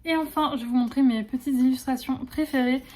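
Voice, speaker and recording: A woman's voice: sits high, fairly even intonation, fairly quick, a little mellow. A woman illustrator chatting casually in a vlog, gushing and affectionate about the things she made, with lots of filler words. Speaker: illustrator presenting her own collection.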